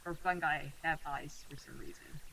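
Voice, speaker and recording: Bright, higher-voiced hesitant man. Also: steady tone, normal speed, creaky, low-quality recording. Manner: hesitant, full of um and like. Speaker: co-host. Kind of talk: casual webcast chat.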